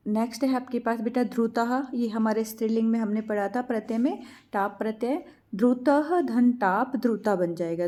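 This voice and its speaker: A woman teacher explains exam answers in a patient, step-by-step way. She poses questions and then answers them herself. Her voice is slightly high but mellow and soft. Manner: patient, asks and answers her own questions, calls students "beta".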